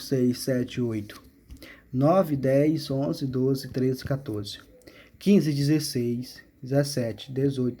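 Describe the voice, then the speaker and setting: A male teacher with a medium-pitched, mellow, husky voice leads a remote classroom lesson. He walks through a school exercise step by step, checking in often with questions.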